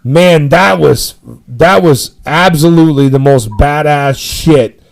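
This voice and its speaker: Gravelly, profane man telling stories. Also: a little high, slow. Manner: profane, rambling, emphatic storytelling. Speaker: powerlifting stream host. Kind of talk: casual storytelling chat.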